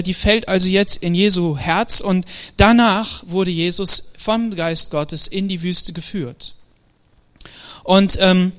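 A man preaching a Sunday sermon in a lively, animated way, with frequent fillers and hesitations. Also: high voice. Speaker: pastor.

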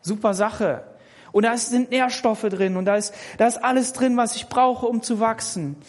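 At normal speed, an emphatic preacher gives a sermon in a mid-range pitch, the sound ringing with long reverb through a large church hall. He speaks personally to each listener and hammers points through repetition.

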